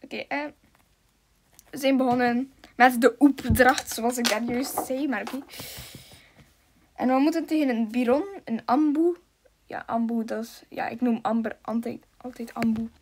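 A woman's voice: a little high, moderate pace, breathy edge. A woman with a Flemish accent giving casual gameplay commentary, chatty, giggly and rambling. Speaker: gaming video maker.

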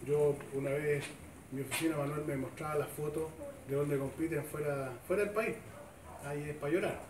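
A man's voice: a little high, steady tone, normal speed, a little mellow. A middle-aged man with a Chilean accent gives a chatty, informal speech at a club event, often checking with the crowd. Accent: Chilean Spanish. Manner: chatty, folksy, seeking agreement with tag questions. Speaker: government official giving a speech. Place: open-sided covered sports shed, semi-outdoors. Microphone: far camera, no microphone. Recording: echoey shed heard from a distance, background noise.

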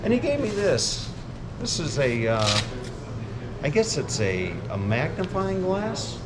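Chatty man with lively pitch. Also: takes it slowly, over a noisy crowd. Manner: playful, chatty, rambling. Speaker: host. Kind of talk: casual walk-and-talk video. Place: outdoors by a creek. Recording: loud outdoor noise.

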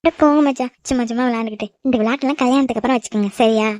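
A woman's voice: fairly high pitch, fairly even intonation, rapid-fire, a little mellow, no echo, studio quality. A woman with a Tamil accent voicing cartoon characters, scolding and teasing. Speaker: voice actor in a cartoon. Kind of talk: animated cartoon dub acting.

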